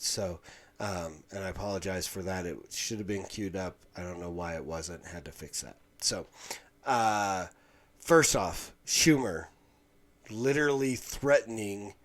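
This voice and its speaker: Low-voiced guy ranting on his podcast, stops and restarts a lot. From Utah, USA. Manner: halting, restarts often, indignant. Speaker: podcast host. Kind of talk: casual commentary monologue.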